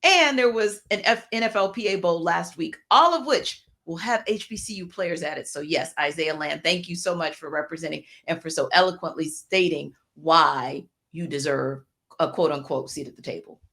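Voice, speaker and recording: Female sports podcast co-host, lowish voice, articulate and measured. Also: fairly bright tone. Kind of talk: casual sports podcast talk.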